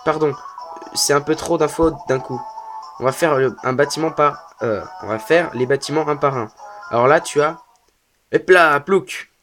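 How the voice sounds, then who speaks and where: A man's voice: a little high, moderate pace, music in the background. A young man commenting casually on a game he is playing, chatty and joking, often restarting his sentences. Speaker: let's play host.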